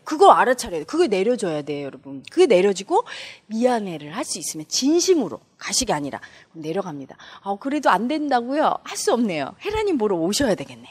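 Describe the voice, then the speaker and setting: A woman meditation teacher giving a spoken lecture, acting out quoted family dialogue as she explains. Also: on the high side.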